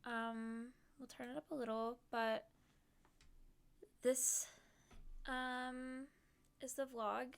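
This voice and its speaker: A woman's voice: a little high, level tone, slow pace, vocal fry, a bit bright, smooth. A young woman streaming from home, chatting casually and rambling with plenty of fillers and giggles.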